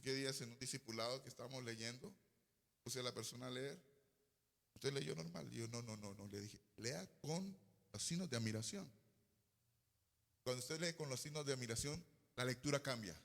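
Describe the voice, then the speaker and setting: A man's voice: medium pitch, normal speed, gravelly, pauses often, fairly bright tone, big-room sound. A man preaching a sermon as pastor, reading scripture aloud with strong exclamations and putting questions to the congregation. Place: church hall.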